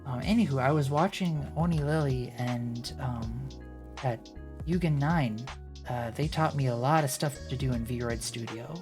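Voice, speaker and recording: Low-voiced chatty woman streamer. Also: unhurried. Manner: chatty, rambling, thinks aloud with fillers. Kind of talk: casual live-stream chat. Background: faint background music.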